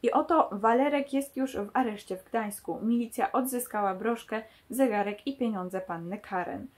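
A woman reading the lines of a sharp young woman who confronts a crook, from a novel read aloud. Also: fairly high pitch, normal speed, natural voice. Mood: accusing.

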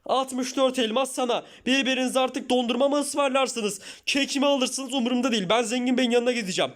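Guy doing a really high squeaky grumpy newcomer, keeps sighing and complaining, minecraft parody. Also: steady tone, fairly quick. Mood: fed up. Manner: grumbling, sighs "tövbe tövbe". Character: exasperated young man newcomer, grumbling and short-tempered.

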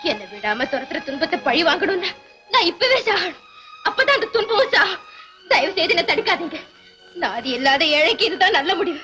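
A woman's voice: very high voice, big pitch swings, a little fast, bright, forceful tone, full character voice. An actress playing a poor orphaned young woman weeping for her grandmother, crying through desperate pleas, in an old Tamil film melodrama. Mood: despairing. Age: young adult. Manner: sobbing, despairing pleas. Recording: old film soundtrack with faint music.

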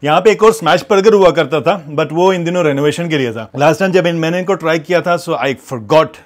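Fairly high-pitched and fairly quick, a food vlogger in his thirties narrates with casual enthusiasm. He chats his way through a mall food court and then a hotel room, mixing in English phrases.

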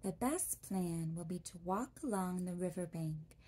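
A woman voicing a calm, sensible male lion in a soft, whispered role-play storybook reading. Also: on the low side, a little slow, slightly rough.

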